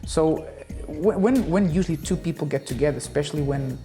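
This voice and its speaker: A man's voice: on the high side, brisk, music in the background. A man hosting a talk show, asking probing questions and often restarting them. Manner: probing, repeats words as he asks. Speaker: host.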